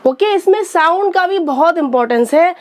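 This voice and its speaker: A woman's voice: extremely high pitch, animated, normal speed. A woman teaching English grammar in a patient lesson, asking and answering her own questions and repeating points. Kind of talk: explanatory lesson.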